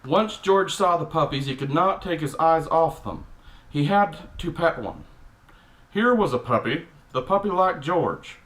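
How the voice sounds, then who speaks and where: Hank Hill, grumpy Texan dad. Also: male voice, a little high, animated, a little slow, fairly bright tone. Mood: exasperated storytelling. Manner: grumpy, exasperated, blunt, mildly profane. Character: cranky middle-aged Texan dad reading a picture book. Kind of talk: comic character storybook reading with grumbling asides.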